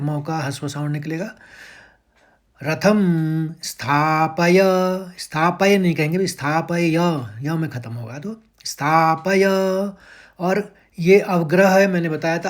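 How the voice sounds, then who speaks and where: A man teaching how to recite verses, patiently breaking words into syllables and chanting each line slowly and drawn out. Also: on the high side, a little mellow. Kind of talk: step-by-step chant lesson.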